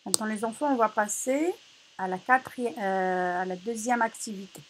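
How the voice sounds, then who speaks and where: A female teacher leading a reading lesson for children, slowly repeating words and stressing each syllable loudly. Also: mid-range voice, low-quality recording.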